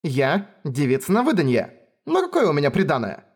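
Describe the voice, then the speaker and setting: Man doing a young woman's voice, high, greedy, brash, swooping, audiobook. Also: huge pitch swings, fairly quick, darkish tone, breathy edge, full character voice. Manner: brash, demanding. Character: greedy shrill young woman treasure hunter.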